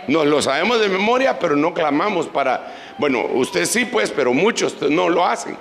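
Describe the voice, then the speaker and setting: A man's voice: a little high, lively intonation, moderate pace, a bit bright, reverberant, in a large hall, slight background noise, low-quality recording. A man preaching a sermon as pastor, leading the congregation in prayer. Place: church.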